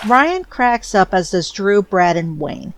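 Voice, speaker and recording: A woman's voice: medium pitch, sing-song, slow, a faint crowd, slight background noise. A woman narrating a scripted fan commentary with an enthusiastic, close-miked delivery.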